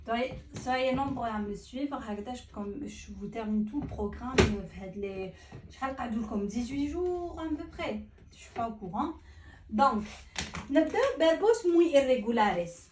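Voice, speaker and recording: A woman's voice: fairly high pitch, expressive, a little fast, darkish tone, slight background noise. A woman language teacher drilling verb conjugations for a class, insistent and repeating her key points while mixing languages. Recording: echoey room, voice from a distance.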